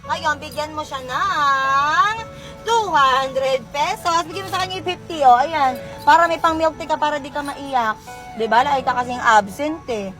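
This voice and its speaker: A woman's voice: high-pitched, moderate pace, over music. A woman playfully teasing her younger sibling in casual family banter, laughing often. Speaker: older sister.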